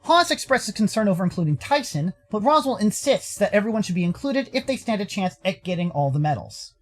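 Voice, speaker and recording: A man's voice: sits high, very animated, fairly quick. An American man voicing a curious, skeptical young furry protagonist who narrates and talks in a visual novel, with a dry questioning manner. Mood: thoughtful.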